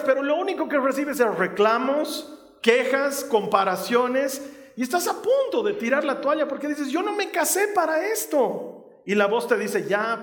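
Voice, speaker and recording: A man delivers a sermon in a very high voice. He poses rhetorical questions and rises to loud, fervent stretches. The sound rings with the long reverb of a large hall. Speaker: preacher.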